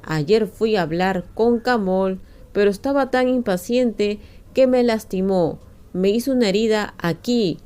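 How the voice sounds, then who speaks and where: A man's voice: high-pitched, unhurried, warm tone, clear, resonant tone. A woman voicing Daniel, a mocking man who provokes with a laugh in his throat. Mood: taunting. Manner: taunting, chuckling.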